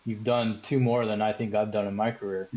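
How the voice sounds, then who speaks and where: A man's voice: lowish voice, level tone, fairly quick, a little mellow. A male podcast host and lawyer, asking thoughtful, affirming questions with light hesitations. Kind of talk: interview questions. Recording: dull lo-fi sound.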